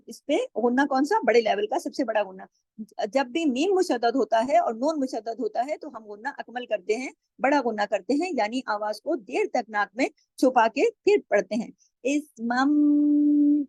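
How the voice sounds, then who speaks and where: A woman teaching the rules of Quran recitation, patiently explaining step by step and slowly drawing out example words. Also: on the high side, a little mellow, no room sound. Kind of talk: tajweed lesson with slow drawn-out example recitation.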